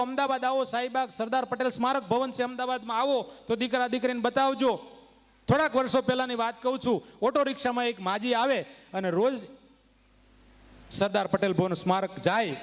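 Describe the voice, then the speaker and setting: A man with a Kathiawadi Gujarati accent telling stories from a stage, oratorical and emphatic, building to forceful declarations. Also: very high-pitched. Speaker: stage comedian and storyteller. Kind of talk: live folk stage storytelling. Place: stage before an audience. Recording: reverberant live stage hall.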